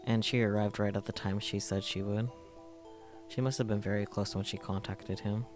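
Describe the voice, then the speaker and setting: A low-pitched male voice reads a visual novel's script aloud, mixing narration with his own asides. Game music plays clearly behind him. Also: steady tone, moderate pace. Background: game music and Japanese voice acting.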